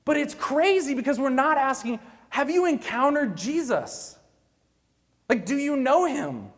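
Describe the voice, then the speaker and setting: Animated man speaking in an echoey hall. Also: extremely high pitch, unhurried. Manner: animated, playful, talks straight to the audience. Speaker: keynote speaker, director of evangelization. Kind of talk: lively keynote talk. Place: large church hall.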